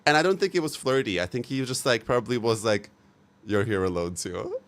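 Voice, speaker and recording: A young livestream host talks casually to his viewers, gushing and frank, chatty and at times profane, with many fillers and repeats. His medium-pitched voice is fairly bright, with lively intonation and a fairly quick pace.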